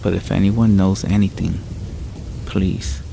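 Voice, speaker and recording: A man narrates a creepy first-person tale in a very deep voice, low and unhurried. His tone stays flat with little rise and fall, and a gravelly rasp runs through his words. Faint rain patters in the background. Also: a little hiss or hum, rough recording. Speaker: horror story narrator. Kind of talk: scripted horror narration. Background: rain sounds.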